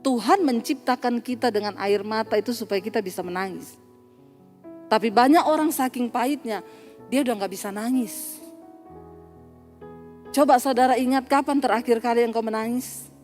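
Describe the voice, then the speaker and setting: A woman pastor preaching a sermon, animated and telling stories, acting out dialogue and laughing at her own jokes. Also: fairly high pitch, moderate pace, long pauses, long reverb tail, soft background music. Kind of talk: sermon with storytelling.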